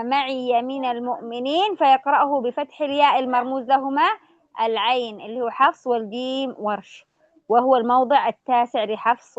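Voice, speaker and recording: A woman teaching the variant readings of the Quran, explaining each word and chanting the verses slowly. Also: fairly high pitch, no echo, dull audio.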